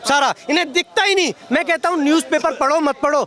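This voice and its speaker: A man's voice: very high-pitched, a bit bright. A man with a Delhi Hindi accent, arguing heatedly in a street interview and firing off rhetorical questions. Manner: fiery, argumentative, rapid-fire rhetorical questions. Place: busy city street outdoors. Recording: outdoor street crowd noise.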